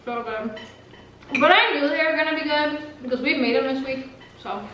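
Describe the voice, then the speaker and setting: A woman's voice: sits high, normal speed. A woman hosting a casual mukbang vlog, chatting while she eats. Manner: chatty, talks while eating. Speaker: vlog host. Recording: echoey room, distant mic, faint noise.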